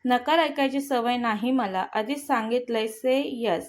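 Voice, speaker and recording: A woman's voice: fairly high pitch, unhurried, lightly acted. A woman voicing a stubborn, playful young husband in a storybook reading, in a teasing and insistent way.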